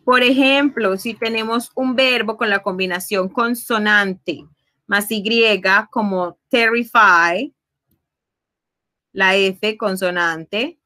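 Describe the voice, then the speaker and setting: A woman's voice: medium pitch, sharp tone, low-quality recording. A woman teaching English grammar to Spanish speakers, explaining patiently, drawing out example words and checking in with frequent tag questions. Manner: switches between Spanish and English; slow, drawn-out example words.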